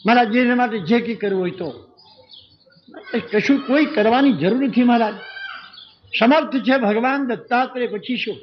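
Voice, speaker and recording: A man's voice: very high-pitched, normal speed, a little hiss or hum. A man telling a devotional story as a sermon, dramatic and speaking straight to his listeners. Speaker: religious storyteller. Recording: dull lo-fi recording with faint birdsong.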